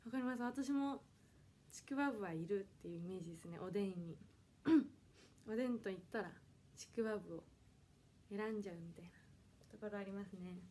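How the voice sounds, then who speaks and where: Streaming solo from indoors at home, this idol audition hopeful from Kanagawa, Japan, is a woman of twenty. She speaks at medium pitch with a warm tone, brisk but pausing often, over a little hiss or hum. Polite and casual, she reads out viewer comments and keeps apologizing.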